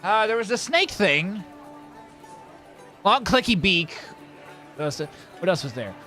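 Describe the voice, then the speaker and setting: A sloppy, boastful dwarf miner, put on by a man who rambles and overshares. The voice sits fairly high and swings widely as he goes. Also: sing-song, slow, pushed and bright, faint music behind, exaggerated voice. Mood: rambling.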